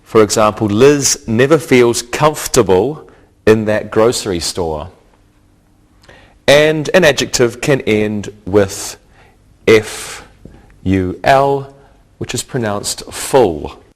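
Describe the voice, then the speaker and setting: Patient male teacher, unhurried and low-voiced, deliberate classroom delivery. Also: lively intonation. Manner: slow, deliberate, spells out letters. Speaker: English teacher. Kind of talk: slow classroom lesson with examples.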